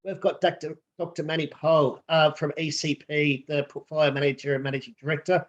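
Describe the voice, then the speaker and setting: Friendly man interviewing, higher voice. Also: level tone, a little fast, highs cut off. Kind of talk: interview questions.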